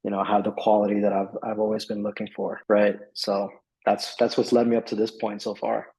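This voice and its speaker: A young man from Miami, USA, gives a client testimonial in a casual interview, rambling a little with lots of fillers and restarts. His fairly low, slightly mellow voice is monotone, fairly quick, and shows vocal fry. The recording quality is low.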